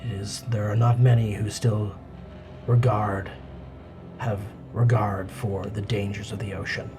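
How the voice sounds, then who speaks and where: A man's voice: fairly low pitch, flat delivery, a little slow, music in the background, natural voice. A man voicing a stern, agitated druid guarding a sacred shrine in a tabletop game, speaking tersely and forbiddingly. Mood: guarded, agitated. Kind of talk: in-character tabletop role-play.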